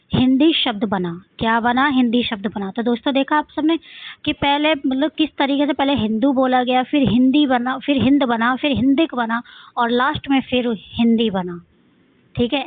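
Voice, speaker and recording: Her voice is high-pitched, and she speaks with a Rajasthani accent. Teaching an exam-prep lesson, she asks questions, supplies the answers herself and repeats key points, all in dry, phone-like audio with no echo.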